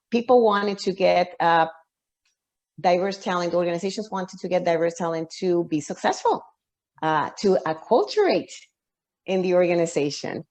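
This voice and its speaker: A woman with a slightly low voice speaks as an author guest in an interview. She answers at length and thinks aloud, restarting phrases and using plenty of fillers as she works out each point. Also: darkish tone. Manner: reflective, with frequent restarts and fillers.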